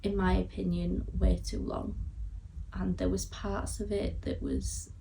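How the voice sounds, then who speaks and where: Her lowish, mellow voice swings hugely in pitch, creaky and at a measured pace, as the young woman from Yorkshire offers a casual, tentative film review to camera. A far-off mic captures faint background noise.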